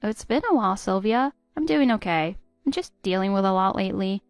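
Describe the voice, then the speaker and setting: A woman voicing a patient, hurt middle-aged stepmother who pleads gently with her stepdaughter. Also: mid-range voice, animated, fairly quick, smooth, no echo, soft background music, lightly acted. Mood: confiding. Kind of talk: text-story voice acting.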